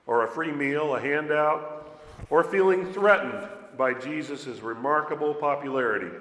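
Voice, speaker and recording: A man's voice: medium pitch, fairly bright tone. A man preaching a sermon as pastor, talking with the congregation and asking them questions. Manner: conversational, asks the congregation questions. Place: church sanctuary. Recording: roomy hall echo.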